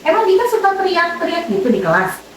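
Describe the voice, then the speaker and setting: A woman school counselor leading a counseling session, gentle and patient, checking back on what she hears with many murmured agreements. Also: very high voice, very animated, fast, far from the mic, a little hiss or hum. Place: classroom. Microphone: camera from a distance. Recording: echoey room recorded from afar.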